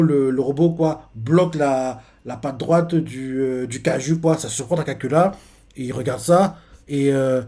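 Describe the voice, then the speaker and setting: A man's voice: fairly high pitch, dark tone. A man casually recapping a manga chapter, rambling with lots of fillers and repeated words. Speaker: manga reaction youtuber.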